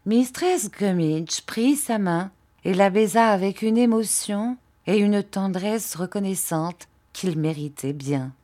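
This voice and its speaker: A woman narrating a classic novel as an audiobook reader, in a calm and measured reading. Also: medium pitch.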